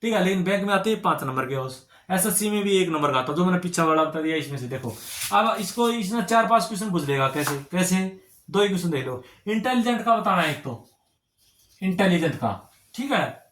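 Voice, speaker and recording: A man's voice: high voice, expressive, quick pace, a bit bright, reverberant. A male teacher explaining exam reasoning problems, often checking in with his students and calling them brother and friends. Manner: repetitive, keeps checking with "ठीक है ना". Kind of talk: reasoning lesson at a whiteboard.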